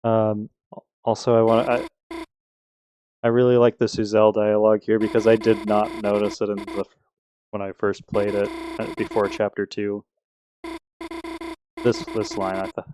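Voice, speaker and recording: Low-voiced man rambling over game music. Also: little pitch movement, moderate pace, pauses often, noisy background. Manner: rambling, hesitant, many restarts and fillers. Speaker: streamer playing a video game. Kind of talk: casual gameplay commentary.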